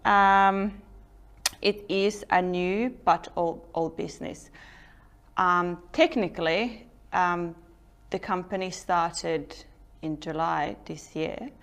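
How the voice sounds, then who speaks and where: A woman's voice: fairly low pitch, fairly even intonation, slow pace, a bit bright, clean tone. A middle-aged woman from Norway, speaking English, giving an informal startup talk full of ums and restarts. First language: Norwegian. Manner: hesitant, many ums and restarts. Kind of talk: informal presentation.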